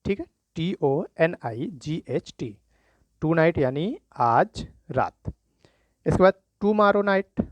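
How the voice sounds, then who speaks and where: A man teaches a simple spelling lesson at a slow, deliberate pace and spells each word out letter by letter. His voice sits a little high for a man. The sound is close and dry, with no room around it. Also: no echo, dull audio. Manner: spells words letter by letter slowly, often repeats "thik hai".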